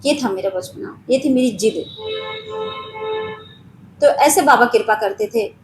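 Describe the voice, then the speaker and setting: A woman's voice: fairly high pitch, measured pace, roomy sound, faint music behind. A woman telling her own spiritual story in an earnest, confiding way, speaking straight to her viewers.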